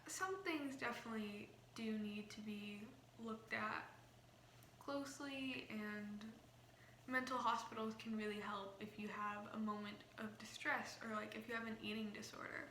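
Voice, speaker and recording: Bright-voiced young woman with slight lisp. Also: a little high, fairly even intonation, moderate pace. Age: young adult. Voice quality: slight lisp, as if wearing a retainer. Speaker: vlogger. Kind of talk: casual rambling explainer to camera. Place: small indoor room. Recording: roomy echo, faint background noise.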